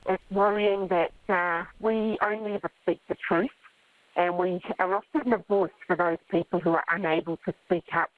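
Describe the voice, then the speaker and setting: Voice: mid-range voice, no echo. An emergency housing provider speaking in a news clip with the voice altered to hide who they are, firm and earnest. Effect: voice altered to hide identity. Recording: dry, thin phone-like sound.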